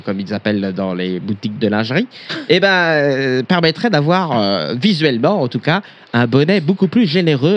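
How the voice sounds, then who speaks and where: A man co-hosting a comic radio parody, reading aloud in a mock-solemn tone, hesitant and full of filler sounds. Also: a little high. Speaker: co-host reading a mock news segment.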